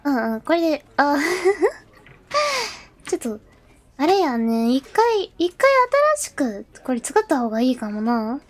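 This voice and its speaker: Speaking slowly in a high voice with big swings in pitch, a woman streams as a VTuber. She chats with lots of fillers and talks to herself while setting up, then translates the game's narration out loud.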